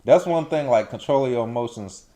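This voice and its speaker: A man in his late twenties co-hosting a vlog, giving relaxed, casual advice and acting out quoted remarks. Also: mid-range voice, fairly quick. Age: 20s. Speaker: vlog co-host.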